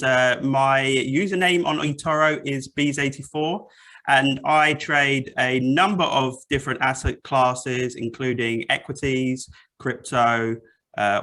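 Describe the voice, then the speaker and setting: A man hosting an online investing panel from an office, talking in a friendly way with many fillers. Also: medium pitch. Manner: friendly, filler-heavy, bright. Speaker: forum host. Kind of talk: video call panel moderation. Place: office room.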